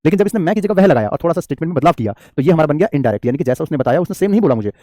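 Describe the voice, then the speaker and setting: Guy teaching grammar super fast, keeps asking then answering his own questions, calls the kids beta, warm mellow tone. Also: a little high, sing-song, dry recording, clean studio sound. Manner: affectionate toward students, calls them child. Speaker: English teacher. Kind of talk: classroom-style grammar lecture.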